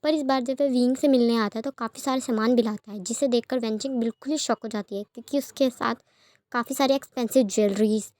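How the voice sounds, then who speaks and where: A woman's voice: a little high, steady tone, fast, a little mellow, no echo. A woman narrating a romance fan story in a plain, casual storytelling manner. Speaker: fanfiction narrator.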